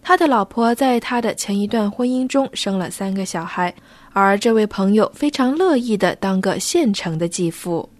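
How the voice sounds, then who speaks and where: Measured female radio co-host, dry studio. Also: mid-range voice, lively intonation, darkish tone, dry recording.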